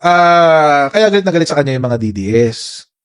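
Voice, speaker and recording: A man with a Filipino accent giving casual live commentary to his viewers, talking in an animated way, often laughing and reading out viewer comments. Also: a little high, moderate pace, smooth. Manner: animated, laughing, addresses viewers as "mga kababayan"; reads viewer comments aloud. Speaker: political commentary vlogger.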